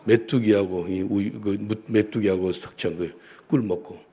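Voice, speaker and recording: A man's voice: on the low side, fairly even intonation, moderate pace, warm tone. A middle-aged man preaching a sermon in a Korean accent, telling a story with emphasis and leading the congregation in repeated prayers. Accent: Korean, with Korean-accented English phrases. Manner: storytelling, acts out a street encounter with quoted English. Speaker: pastor.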